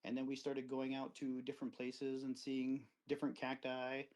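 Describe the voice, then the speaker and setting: A man's voice: completely flat delivery, moderate pace, a little mellow, low-quality recording. A middle-aged man from Wisconsin, a cactus grower guesting on an interview, telling long rambling stories about his life. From Wisconsin, USA. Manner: rambling, anecdotal, acts out quoted friends with livelier pitch. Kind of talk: relaxed storytelling in an interview. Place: outdoor desert garden.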